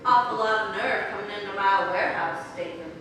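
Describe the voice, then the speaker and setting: A woman's voice: mid-range voice, brisk, close to an everyday voice. A woman playing a tough former mafia boss who is curt and impatient with a detective. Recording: echoey hall from far off, noisy.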